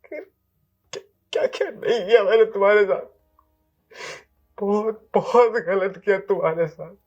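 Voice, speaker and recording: An actor as a sobbing, begging husband. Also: male voice, fairly high pitch, expressive, normal speed, muffled recording. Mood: self-loathing. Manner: stammering, pleading, sobbing. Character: remorseful husband begging his estranged wife. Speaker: actor in a short drama. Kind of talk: melodramatic acting. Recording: faint music behind.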